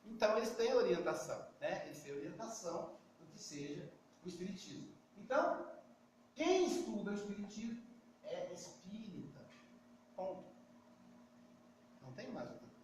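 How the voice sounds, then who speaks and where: A Brazilian spiritist speaker with a Brazilian Portuguese accent tells anecdotes in a casual talk, acting out the dialogue himself. His high, darkish voice is very animated, at a moderate pace broken by long pauses. The recording is echoey and distant, with faint noise.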